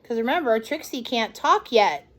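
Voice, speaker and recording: At a normal speed and with a fairly high voice, a woman reads a picture book expressively to young children during storytime, chatting with them in asides along the way.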